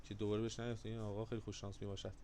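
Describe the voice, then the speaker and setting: A man hosting a livestream giveaway in casual, joking chat. He swings between loud, drawn-out shouts and low, quick mutters. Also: level tone, a little hiss or hum.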